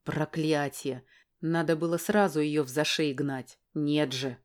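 A woman reading a gruff irritable man. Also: sits low, fairly even intonation, unhurried. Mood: irritated. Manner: gruff, snapping.

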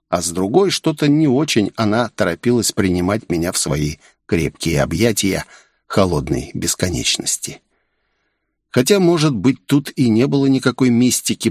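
A man's voice: on the low side, no echo, studio quality. A man narrating a fantasy audiobook in the first person with a wry manner.

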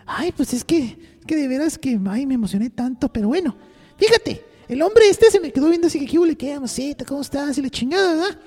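On the radio, a woman with a Mexican accent tells a crude, profane comic story, rambling along and packing it with slang. Her voice sits high and expressive, fairly quick, with a dark tone. The studio is reverberant, with faint music underneath.

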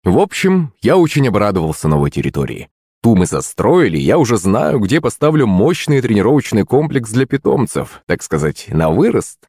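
A man narrating a first-person fantasy audiobook in a wry, expressive storytelling manner. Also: on the low side, moderate pace, breathy edge, no echo, studio quality.

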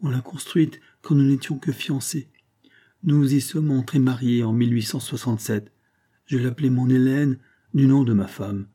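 A man voicing a frail, gentle old man who pleads tenderly, in a storybook reading. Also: mid-range voice, moderate pace, breathy edge, close to an everyday voice. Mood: sorrowful.

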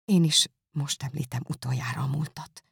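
Audiobook role: witty, spirited young woman, lively and sincere, read by a woman. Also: a bass voice, vocal fry, slightly rough, dry recording, clean studio sound, exaggerated voice. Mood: earnest. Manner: earnest, lively, reassuring. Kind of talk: audiobook character voice.

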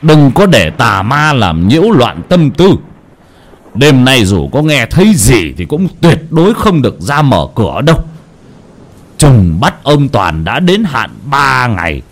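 A man's voice: mid-range voice, big pitch swings, unhurried. A man voicing a stern old male exorcist who speaks in a grave, commanding way. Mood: grave warning.

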